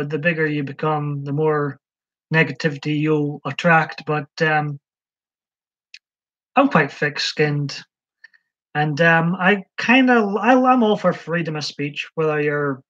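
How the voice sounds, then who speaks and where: On a casual live stream, a man with a somewhat high, slightly bright voice answers viewers' comments hesitantly, dropping in lots of ums. The stream audio sounds dull and lo-fi.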